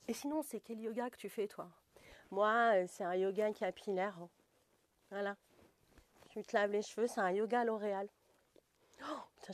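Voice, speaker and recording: A woman's voice: mid-range voice, a little mellow, no echo. A young woman leading a goofy yoga class in French, rambling with slangy asides and frequent giggles. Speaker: yoga teacher. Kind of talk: playful self-mocking yoga class.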